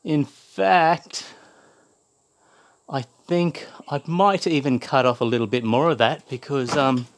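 A man's voice: mid-range voice, slow. An Australian man chatting casually as he works on a home renovation project, rambling and making fun of himself. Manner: chatty, self-mocking, rambling with fillers. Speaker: DIY home renovation vlogger. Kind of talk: casual DIY vlog. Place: indoors in a house under renovation.

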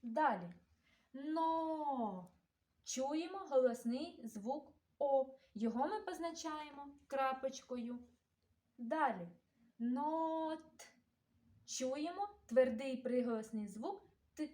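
Slow-spoken teacher woman, high voice. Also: lively intonation, a little mellow, roomy sound. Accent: Ukrainian. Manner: slow, carefully enunciated, sounding out words. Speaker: preschool teacher. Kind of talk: children's literacy lesson.

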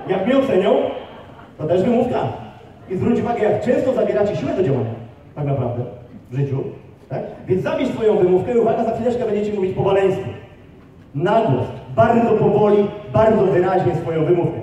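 An energetic male speaker leads a live seminar, pushing the audience with rapid questions. His voice is fairly high but mellow. He is picked up from far off, in a big hall that echoes heavily, with faint noise behind him. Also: dull audio. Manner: energetic, rallying the crowd with quick questions. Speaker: motivational speaker.

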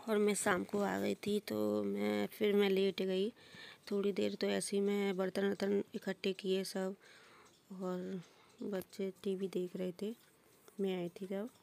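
A woman's voice: medium pitch, monotone, measured pace, gravelly, a little mellow. A woman chatting through a homely voice-over for her family vlog, recorded at home. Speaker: vlogger.

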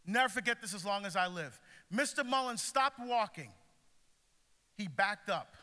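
An emphatic, middle-aged male preacher from Barbados, a deacon, speaks at normal speed in a voice that sits high. He delivers a passionate sermon, animated and moving about the stage, inside a large school pavilion where the recording has a long hall reverb.

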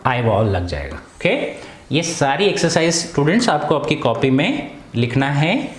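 A male teacher explains a lesson in Hindi, posing questions and answering them himself. His voice sits fairly high for a man, and the room around him rings with a noticeable echo. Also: very animated. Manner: slow, deliberate English reading.

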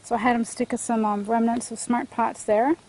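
A woman's voice: a little high, flat delivery, moderate pace, darkish tone. A middle-aged woman with a congested throat, chatting casually as she films a walk through her sunny garden, thinking aloud with fillers and restarts. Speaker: homestead gardening vlogger. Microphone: handheld camera at arm's length.

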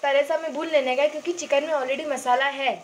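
A woman's voice: high voice, fairly even intonation, fast talker, a little hiss or hum, low-quality recording. A woman hosting a home cooking video, chatting casually as she goes through the ingredients step by step in her kitchen. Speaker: cooking channel host.

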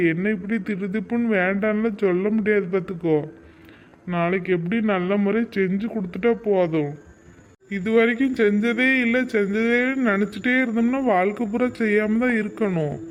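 A man's voice: high-pitched, highs cut off, natural voice. A man doing a caring cartoon husband. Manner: coaxing, reassuring, chatty. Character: caring husband, reassuring and steady.

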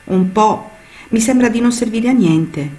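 A woman voicing a small, young female sand dune in a storybook tale, speaking softly and wistfully. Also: a little high, measured pace, voice pushed up, close to an everyday voice.

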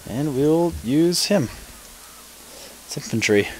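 A man's voice: on the high side, animated, takes it slowly, darkish tone, a little hiss or hum, low-quality recording. A man giving casual gameplay commentary, thinking aloud, mumbling and swearing now and then. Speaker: let's play gamer.

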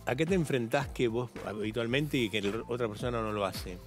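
A man with a Rioplatense accent hosts a TV health talk show, asking conversational, probing questions. His voice sits at a middle pitch. Faint music plays underneath. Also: a little fast. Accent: Rioplatense Spanish. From Argentina. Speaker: TV show host, doctor. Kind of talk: TV interview.

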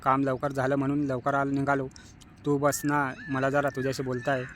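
A man playing a troubled husband, hesitant and subdued, flat even tone, storybook. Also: mid-range voice, moderate pace, slight background noise, natural voice.

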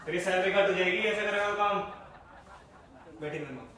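Quiet salon man, far and echoey. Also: moderate pace. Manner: low-key, apologetic to the customer. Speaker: salon staff. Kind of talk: casual talk, calming a customer. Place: hair salon, indoors. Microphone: far camera. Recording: echoey room from far off, clear hiss.

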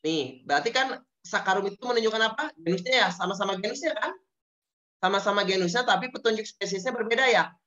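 A man's voice: sits high, fast, bright, forceful tone. A male teacher leads an online science lesson. He drills the key terms again and again and keeps asking his students questions. The audio is dull and lo-fi, like a video call. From Indonesia.

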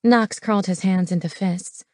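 A woman's voice: medium pitch, moderate pace, a little mellow, no room sound. Woman narrating an audiobook, dry and close. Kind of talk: scripted narration. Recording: dry studio voice.

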